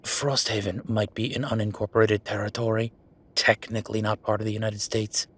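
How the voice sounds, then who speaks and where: In a roleplay audio drama, a man voices an exasperated werewolf official venting to his partner, explaining things in an irritated, weary, sardonic way with emphatic pauses. His lowish voice is level in tone and close to how he'd normally talk.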